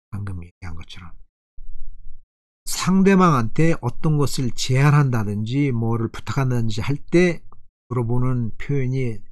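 A man teaching English phrases in an unhurried, deliberate lesson, at a middling pitch. He reads each example slowly and carefully and checks understanding with quick prompts. The sound is dry and close, with no room around it. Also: a little mellow, no echo.

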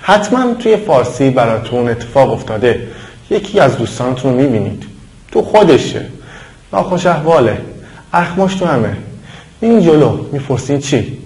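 A man whose first language is Persian teaches English phrases in a video lesson, speaking English with a Persian accent and repeating each phrase slowly and clearly. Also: medium pitch, sing-song, darkish tone, echoey room, poor audio.

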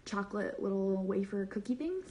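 Speaking from her bedroom into a phone camera at arm's length, a young woman livestreaming as a social media creator reads viewer comments in a bubbly, playful, rambling way packed with slang. Her mid-range voice is animated and warm, at a moderate pace, in a small indoor room.

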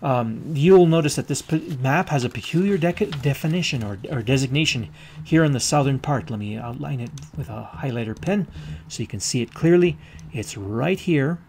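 Halting male lecturer, full of ums. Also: medium pitch, lively intonation, gravelly, a little mellow, breathy edge. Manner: halting, many ums and uhs, pointing at a map with a pen. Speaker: geography lecturer. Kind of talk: recorded lecture over maps.

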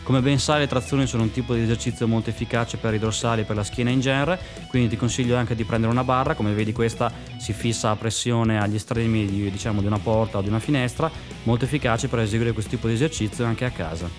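Young male personal trainer, quick explanatory tutorial read, medium pitch, soft guitar bed underneath. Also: steady tone. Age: young adult. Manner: brisk, explanatory, gestures with hand. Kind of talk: direct-to-camera fitness tutorial.

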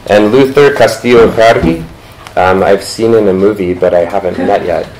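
In an indoor lecture room, a male moderator in his thirties introduces the panelists from notes at a moderate pace, his voice lowish with a darkish tone. He occasionally trips over words and fixes them, on a low-quality recording with slight background noise.

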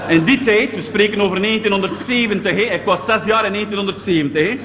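A man with a Flemish accent performing a stand-up monologue as a schoolteacher character, animated and digressive, always tagging his sentences with little questions. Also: high voice, quick pace, a crowd in the background. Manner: animated and digressive, peppers talk with tag questions.

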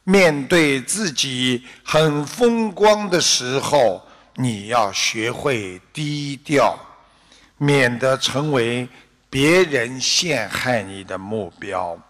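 Man, Shanghainese-accented Mandarin, very slow measured sermon, lingering reverb of a large hall. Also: medium pitch, expressive, fairly bright tone. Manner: deliberate, unhurried, instructive. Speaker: Buddhist teacher giving a dharma talk. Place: hall at a Dharma assembly.

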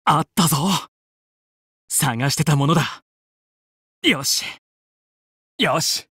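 A man playing a young, confident fox space pilot and team leader in a video game, brisk, determined and commanding yet friendly. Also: fairly high pitch, pushed and bright, husky, dry recording, clean studio sound, heavily acted. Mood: focused, confident. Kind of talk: Japanese video game voice acting.

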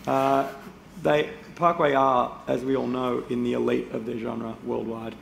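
A man moderating a conference panel, relaxed and chatty as he reads out a prepared introduction. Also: medium pitch, measured pace, gravelly. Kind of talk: moderating a panel, reading a guest bio. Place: indoor conference stage. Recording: roomy hall with faint noise.

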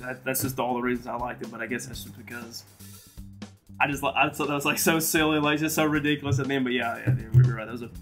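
Guy talking fast on a panel show, quick and rambly, faint music behind. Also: medium pitch, fairly even intonation, a bit bright. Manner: quick, eager agreeing, rambling. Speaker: round-table co-host. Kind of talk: casual panel chat.

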